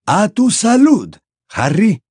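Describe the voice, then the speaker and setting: A male audiobook reader voicing an elderly wizard headmaster with slow, high, drawn-out pleas. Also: huge pitch swings, darkish tone, husky, no room sound, studio quality, full character voice. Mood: firm, insistent. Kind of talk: audiobook character voice.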